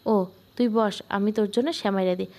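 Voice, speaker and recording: A woman reading the lines of a tender, weary village mother who speaks gently and affectionately to her son. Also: medium pitch, steady tone, normal speed, natural voice.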